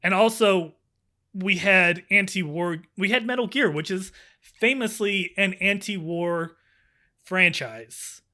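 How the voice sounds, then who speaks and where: A man co-hosting a casual podcast, talking fast with sarcasm and frequent swearing. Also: high voice. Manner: profane, sarcastic, animated. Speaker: podcast co-host. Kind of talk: casual gaming podcast chat.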